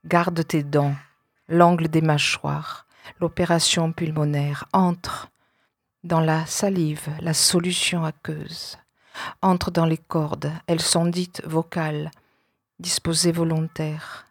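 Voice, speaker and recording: Low-voiced woman reciting poetry. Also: level tone, dry recording. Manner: deliberate, incantatory recitation in fragmented phrases. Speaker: poet. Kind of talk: spoken-word poetry recitation.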